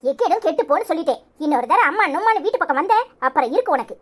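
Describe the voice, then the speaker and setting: Woman voicing a mocking, sharp-tongued cartoon mom from Tirunelveli, high and swooping. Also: expressive, racing. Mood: scolding. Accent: Tirunelveli Tamil. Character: scornful scolding mother, middle-aged woman.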